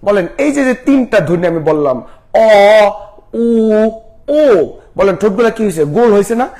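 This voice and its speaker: Man, high voice, live online class, keeps repeating questions. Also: lively intonation, quick pace, a little mellow. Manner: repetitive questioning. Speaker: teacher.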